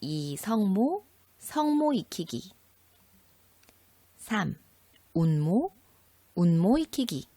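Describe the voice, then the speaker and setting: Woman teacher explaining a lesson slowly to students, close dry mic, no room echo. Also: on the low side, a little mellow. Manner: slow, clear classroom explaining with questions to students. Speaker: high school Chinese teacher. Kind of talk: recorded textbook lesson.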